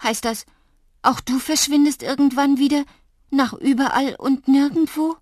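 A woman's voice: medium pitch, expressive, unhurried, no room sound, studio quality. A woman playing an anxious young girl who pleads eagerly. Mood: pleading.

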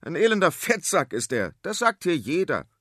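Guy doing a sturdy farm lad, emphatic, pitched way up. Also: sing-song, moderate pace, a bit bright, dry recording, studio quality. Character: sturdy young male farmer's son.

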